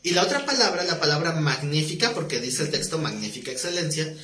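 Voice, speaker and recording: A man's voice: on the high side, expressive, fast, sharp tone. A man preaching a teaching sermon in a conversational way, asking his listeners questions. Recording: echoey room, faint noise.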